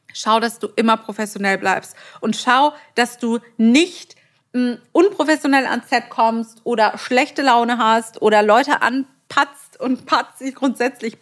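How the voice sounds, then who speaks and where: A woman's voice: a little high, a bit bright. A young adult woman hosting a podcast, giving direct, emphatic advice to aspiring models and repeating her warnings. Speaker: podcast host and model trainer.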